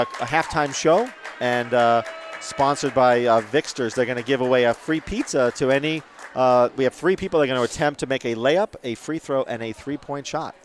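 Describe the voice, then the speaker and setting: A man doing play-by-play for a local school basketball game from a press box, chatty and quick to correct himself. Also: medium pitch, slight background noise. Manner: chatty, rambling asides, self-corrections. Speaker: play-by-play commentator. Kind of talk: local sports commentary.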